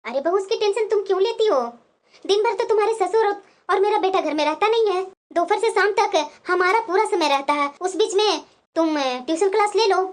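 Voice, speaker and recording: Woman with a very high voice carrying a cartoon family story, voicing both women, expressive. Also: fairly quick. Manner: expressive, switching between two figures. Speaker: voice actor voicing mother-in-law and daughter-in-law.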